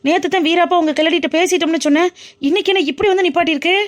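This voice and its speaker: A woman's voice: extremely high pitch, fairly even intonation, very fast, loud music behind the voice. A woman voicing a brash, cheeky young female best friend in a cartoon, teasing and bantering. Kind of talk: cartoon voice acting.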